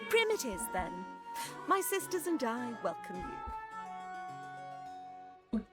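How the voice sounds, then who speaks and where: An actress voicing an airy, new-age goddess of fate in a video game, gushing and calling everyone darling. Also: female voice, fairly high pitch, sing-song, slow. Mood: breezy, dreamy. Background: game music.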